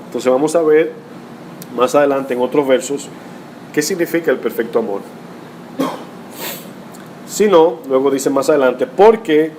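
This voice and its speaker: Preaching with a medium-pitched, somewhat mellow voice, this pastor teaches through rhetorical questions and frequent "¿verdad?" tags. He also reads passages of scripture aloud, and there's a little background noise.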